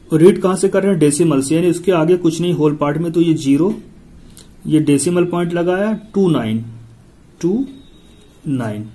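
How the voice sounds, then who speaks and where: A male tutor talks through a lesson step by step, repeating himself patiently. His voice sits somewhat high for a man, yet sounds mellow and soft-edged. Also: poor audio. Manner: patient, repetitive explaining, talking the viewer through each step. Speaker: maths tutor. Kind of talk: step-by-step maths lesson, counting digits aloud.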